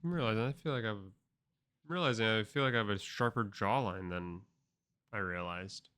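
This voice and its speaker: A man's voice: fairly low pitch, normal speed, a bit bright. A tired man co-hosting a podcast in casual, joking chat, often trailing off and restarting. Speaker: podcast co-host.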